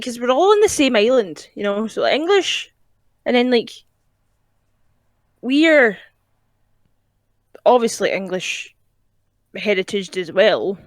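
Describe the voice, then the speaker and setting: A woman's voice: mid-range voice, no echo. Chatty Scottish woman, dry close mic. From Scotland. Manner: chatty, swears freely. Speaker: podcast guest. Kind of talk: casual chat.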